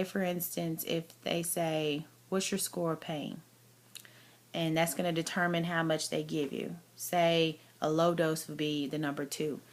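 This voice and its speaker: A woman gives a casual, chatty personal update, speaking candidly and with emphasis, as if to friends. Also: deep voice. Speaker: vlogger giving a health update. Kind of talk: casual chat to camera.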